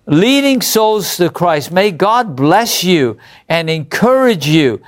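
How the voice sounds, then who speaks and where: This English man hosts a Bible study program, reading viewer letters in an upbeat way and chuckling between remarks. His voice is high and sing-song, and he speaks slowly.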